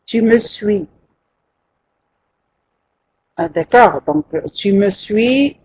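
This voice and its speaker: A teacher giving a live online language lesson, patient and hesitant, with frequent pauses. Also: mid-range voice, lively intonation, a little mellow, slightly rough. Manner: counts syllables aloud, slowly and deliberately. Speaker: French teacher.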